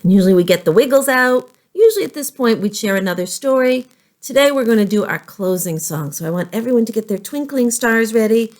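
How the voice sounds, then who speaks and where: A woman librarian leading a preschool storytime, singing nursery songs and coaxing small children in an exaggerated, sing-song way. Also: medium pitch.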